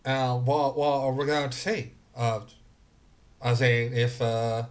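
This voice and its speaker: A man narrating a tabletop game as game master in a halting, improvised way. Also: medium pitch, level tone.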